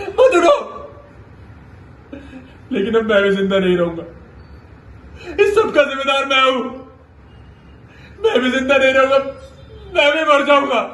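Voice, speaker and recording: Man doing a grieving young husband, tearful, breaking voice, very high-pitched, roomy echo from a distance. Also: a bit bright, heavily acted. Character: grief-stricken young husband pleading at wife's side. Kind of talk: amateur short-film acting.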